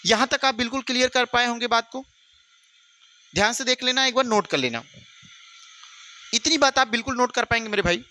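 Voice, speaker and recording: A young man teaching an exam-prep Hindi lesson, repeating phrases slowly for students to write down and calling them brother. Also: extremely high pitch, animated, pushed and bright.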